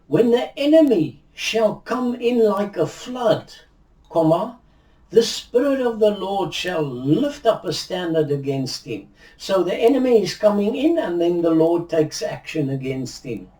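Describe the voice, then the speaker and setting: An older Bible teacher whose first language is Afrikaans speaks slowly and mellowly in an unhurried video, indoors against a virtual backdrop. His high voice is very animated, yet his manner stays measured and reflective, with frequent restarts and hand gestures. Heard from afar, the audio has a roomy echo.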